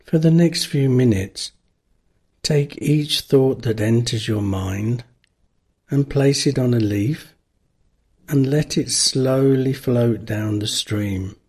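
A man guides a meditation in a calm, gentle way. His voice is slightly rough and husky, at a medium pitch. He speaks very slowly and leaves long pauses between instructions.

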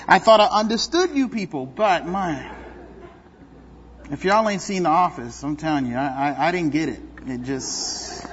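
A man's voice: high-pitched, fairly bright tone, husky. A man preaching a sermon as pastor, talking in a conversational, self-deprecating way with playful asides to the congregation. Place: church sanctuary. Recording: dull, long-reverb hall recording.

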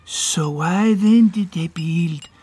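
A man's voice: on the high side, takes it slowly, darkish tone, husky, no echo. An actor playing a courteous, inquisitive French man with a French accent, speaking in a formal, polite way in a radio drama. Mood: courteous, curious.

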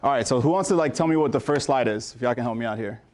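Casual American pharmacist speaking to students. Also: male voice, medium pitch, rapid-fire, darkish tone. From United States. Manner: informal, many fillers and restarts. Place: lecture room.

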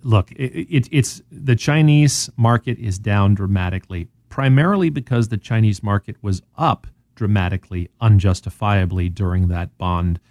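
A man with a Southern US accent hosting a financial talk show, explaining markets in an animated, sarcastic way full of rhetorical questions. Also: lowish voice, moderate pace, few pauses, no room sound, studio quality. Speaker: radio show host.

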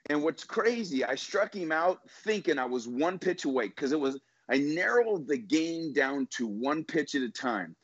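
Middle-aged male guest, ex-pitcher, emphatic motivational storyteller; dull, dry recording. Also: moderate pace, hardly any pauses, breathy edge, no echo. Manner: emphatic, motivational, repeats words when excited. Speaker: guest, former baseball pitcher. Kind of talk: storytelling in a podcast interview.

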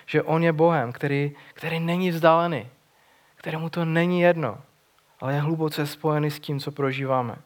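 A man with a slightly high voice delivers a sermon in an earnest, conversational manner. He retells a gospel story, often restarting his phrases and adding little fillers as he goes. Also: steady tone. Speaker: preacher.

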